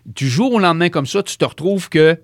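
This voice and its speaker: A man's voice: fairly high pitch, brisk, no room sound, studio quality. A man with a Quebec French accent, co-hosting a talk show and explaining a science topic in a casual, rambling way. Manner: explanatory, many fillers and restarts, lively.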